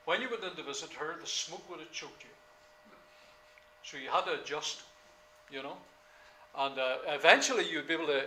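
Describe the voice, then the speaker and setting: An older man, lecturing a class in a halting way with many fillers and sudden emphasis. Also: on the high side, bright, forceful tone, a little hiss or hum. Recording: echoey lecture room, faint ambience.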